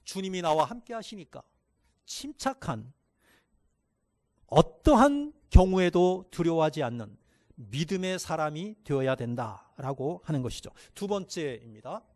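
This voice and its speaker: A man preaching a sermon as pastor, reading scripture aloud with slow emphasis and leading the congregation in reading together, with quiet asides between passages. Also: on the high side, big pitch swings.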